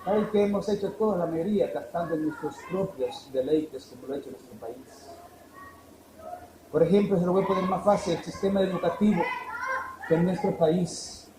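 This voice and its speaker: A man preaching a fervent sermon, swinging from emphatic peaks down to low, quiet lines. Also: normal speed. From El Salvador. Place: church hall. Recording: echoey church room, faint noise.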